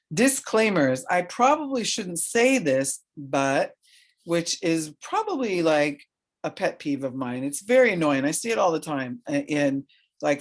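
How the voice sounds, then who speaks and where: Professor giving a recorded lecture, informal and talky, medium pitch, checks in with "right?" and "okay" all the time. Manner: loose and informal, with fillers and restarts. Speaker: college professor. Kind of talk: recorded online lecture on communication.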